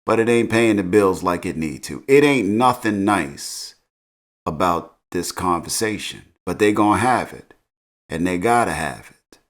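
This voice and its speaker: A middle-aged man with a fairly low voice recaps a TV show. He talks in a relaxed, slangy way and keeps chuckling through the story. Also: unhurried. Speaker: TV recap host.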